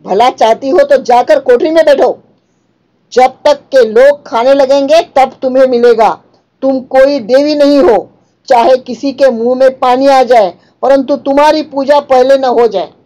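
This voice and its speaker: Angry harried housewife yelling at an old lady, woman reading it out, high and loud. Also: unhurried. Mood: scolding. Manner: shrill, scolding.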